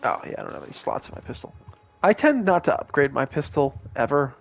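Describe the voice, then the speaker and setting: Young male streamer, slightly high, tired, rambling casual commentary with fillers and swearing. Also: very animated, fairly quick, vocal fry. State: tired, yawning. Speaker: gaming streamer. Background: game music underneath.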